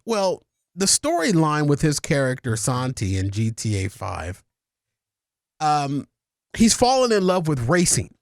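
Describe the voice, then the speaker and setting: Podcast guy ranting, gets worked up and yells, normal pitch, dry close sound. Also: no room sound. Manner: excitable, ranting, swings from mumbling to shouting. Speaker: podcast co-host. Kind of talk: casual podcast chat.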